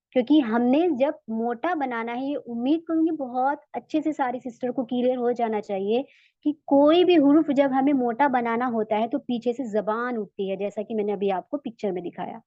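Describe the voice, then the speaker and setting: Woman, recitation teacher, patient, repeats each sound, slightly high voice, dull dry recording. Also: dry recording. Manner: patient, repeats sounds slowly for learners to follow. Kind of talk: tajweed lesson.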